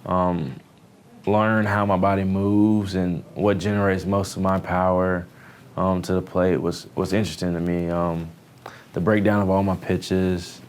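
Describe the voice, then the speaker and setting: A man in his early twenties from the Houston area speaks in a low, level voice, a little slowly, with slight background noise. A newly drafted baseball pitcher with an American accent, he gives casual, somewhat hesitant interview answers full of fillers.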